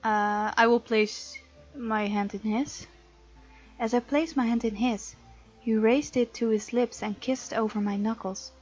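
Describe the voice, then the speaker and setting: A woman with a slightly high, mellow voice speaks steadily and a little slowly while hosting a gaming video. She reads the game text aloud and reacts to the characters in a casual, playful manner. Game music plays behind her, and the sound is slightly dull.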